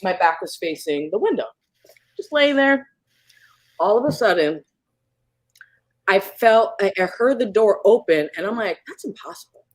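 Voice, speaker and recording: Animated woman telling a spooky story. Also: unhurried, long pauses, dry recording. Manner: animated, acts out moments with sudden pitch jumps. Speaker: guest. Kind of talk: storytelling in a casual podcast chat.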